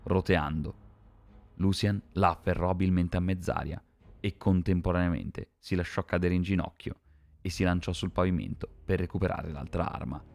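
A man reading a dark fantasy story aloud in a measured, dramatic scripted narration. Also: low-pitched, vocal fry.

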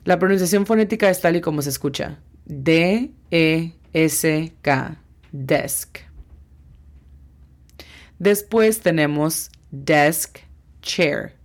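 Slow, low-voiced woman teaching English. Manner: slow, spells words out sound by sound. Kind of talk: language lesson.

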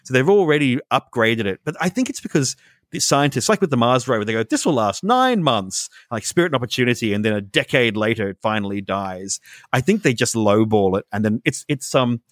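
A man explaining space science in a casual podcast chat, animated and jokey, often restarting his sentences. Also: mid-range voice, a little fast, no echo, clean studio sound. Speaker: space expert guest.

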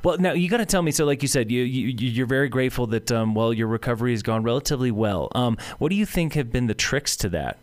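A man interviewing a guest in a casual, relaxed way, encouraging her and asking follow-up questions. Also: mid-range voice, fast, hardly any pauses.

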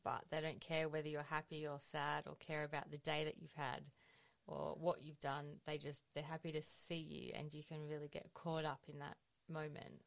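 A woman interviewing a guest, gentle and affirming, asking careful follow-up questions. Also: deep voice, level tone, moderate pace, vocal fry. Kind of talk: empathetic interview.

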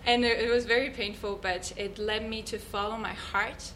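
A woman's voice: on the high side, fairly even intonation, moderate pace, a bit bright, slight background noise, poor audio. Earnest woman telling her story. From Switzerland. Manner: earnest, thoughtful, searching for words. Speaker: guest, yoga teacher. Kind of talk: reflective personal storytelling.

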